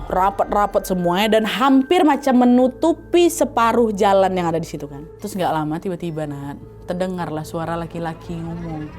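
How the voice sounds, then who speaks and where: A woman telling a horror story in casual chat with a lively, animated delivery, often raising her voice at the tense parts. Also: medium pitch. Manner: lively, animated, raises voice when scared.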